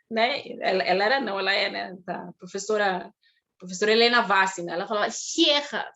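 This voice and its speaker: A woman with a Brazilian Portuguese accent, a guest speaker answering audience questions on a video call, talking in a thoughtful, halting way with many restarts. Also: medium pitch, sharp tone. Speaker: guest speaker on Russian literature.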